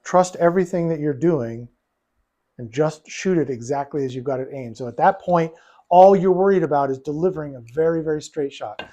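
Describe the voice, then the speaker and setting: A man with a high-leaning, dark voice coaches a student at the pool table briskly but patiently, repeating phrases as he explains. The one-on-one session is captured with dull audio.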